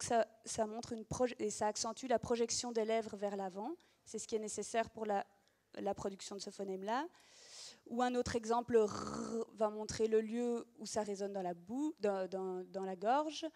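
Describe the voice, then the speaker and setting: A woman's voice: mid-range voice, warm tone. A woman teacher giving an explanatory demonstration of reading gestures, talking patiently with frequent hesitations.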